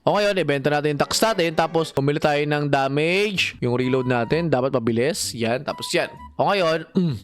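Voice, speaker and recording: A young man giving excited gameplay commentary, talking to viewers and his in-game pet with frequent shouts. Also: on the high side, moderate pace, hardly any pauses, faint music behind. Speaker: gaming channel host.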